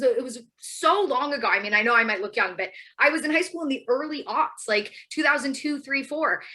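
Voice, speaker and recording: An American woman in her thirties speaks as a guest educator in an informal, personal way. Her voice is bright and fairly high, and she talks very quickly, leaning into emphatic asides.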